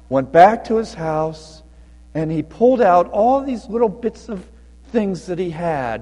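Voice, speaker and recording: A man telling a story during a children's sermon in church, animated and playful. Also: high-pitched. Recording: long church reverb.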